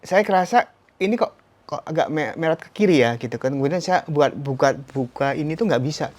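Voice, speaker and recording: A man telling his story as an interview guest, animated, often breaking into sudden high exclamations and ending phrases with a polite "Mas". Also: a little fast. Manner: tags sentences with "Mas". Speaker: interview guest, stroke survivor.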